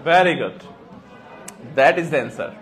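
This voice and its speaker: A man's voice: a little high, lively intonation, very slow, fairly bright tone, faint music behind. A man teaching a classroom lesson, posing questions and answering them himself, with the odd joke. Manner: explains by asking and answering his own questions, joking. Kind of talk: classroom lecture.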